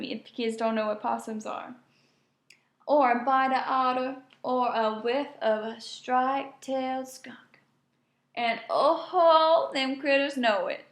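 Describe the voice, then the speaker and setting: A woman teacher reading a picture book aloud with animated storytelling and asides. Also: high voice, reverberant.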